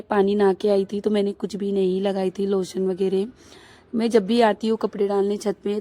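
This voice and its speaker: A young housewife rambles through a casual vlog outdoors on her rooftop, her voice hoarse and thick from a cold. She talks in a flat, even tone with a dark, mellow timbre. Her chat wanders along, padded with fillers. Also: mid-range voice. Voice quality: thick, husky voice. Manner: chatty, rambling, many fillers. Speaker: vlogger; housewife and mother.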